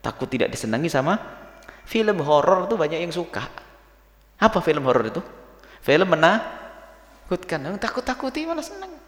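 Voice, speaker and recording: A man, teaching a sermon lesson to his students with lively, teasing asides. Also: a little high, a little slow, long pauses, echoey room, long reverb tail. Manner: lively, teasing asides, calls listeners "nak".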